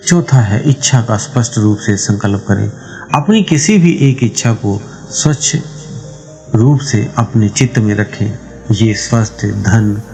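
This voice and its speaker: A man with a lowish voice explains a meditation practice step by step, calm and measured. Faint music plays quietly under his voice. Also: gravelly, poor audio. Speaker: meditation channel host.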